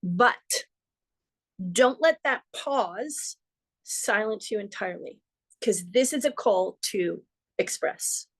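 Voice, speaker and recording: A woman's voice: mid-range voice, lively intonation, slow pace, long pauses, a bit bright. A middle-aged woman hosting an astrology forecast, talking earnestly and conversationally with playful asides. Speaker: astrologer host.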